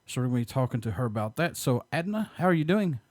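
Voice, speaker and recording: A man's voice: mid-range voice, big pitch swings, fast, a little mellow, no room sound. Upbeat male interview host, dry sound. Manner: upbeat, reading out prepared questions. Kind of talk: interview show hosting.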